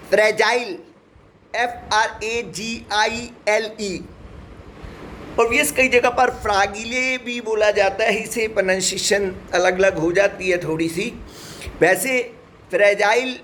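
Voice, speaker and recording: A middle-aged man teaching a spoken English lesson, speaking slowly and deliberately, spelling words letter by letter and often addressing his viewers. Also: high-pitched, a bit bright, slight background noise.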